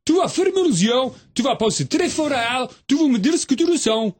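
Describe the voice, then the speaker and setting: A man voicing a flamboyant, excitable man, shouting in broken grammar in a radio comedy sketch. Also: a little fast, husky, full character voice. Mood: flattered. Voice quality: high, shouting, mangled grammar.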